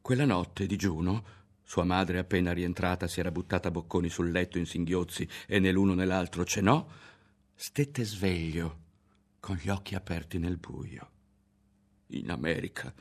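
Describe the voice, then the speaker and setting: A man giving a literary audiobook narration in a measured, dramatic reading. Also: deep voice. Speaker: audiobook reader.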